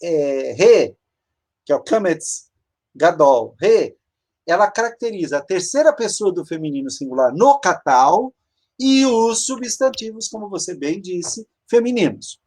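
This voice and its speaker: A Hebrew teacher giving an online grammar lesson. The teacher often stops to search for words and explains each step slowly. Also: mid-range voice, sing-song, a little mellow. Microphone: video call.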